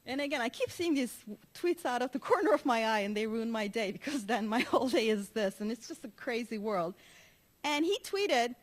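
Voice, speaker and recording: A high-pitched woman from Turkey speaks at a conference. She tells her stories with lively energy, laughing often and restarting her sentences as she goes. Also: moderate pace. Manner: animated storyteller with frequent laughs and restarts. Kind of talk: conference talk.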